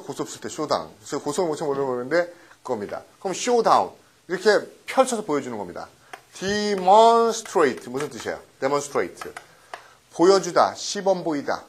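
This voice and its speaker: A middle-aged man teaching English vocabulary in a recorded lecture, often quizzing his students with quick questions and tag checks. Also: a little high, slightly rough. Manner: mixes English words into explanations.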